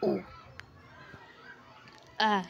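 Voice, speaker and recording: A woman's voice: drawn-out words, highs cut off, a faint crowd. A woman giving casual gameplay commentary, playfully boasting, grunting with effort and whispering asides, her throat a little sore. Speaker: gamer.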